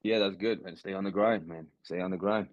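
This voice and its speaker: Deep-voiced man, relaxed and rambling. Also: a little fast, no echo, highs cut off. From United States, West Coast. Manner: relaxed, rambling, many fillers and restarts. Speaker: guest, professional boxer. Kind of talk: casual podcast interview.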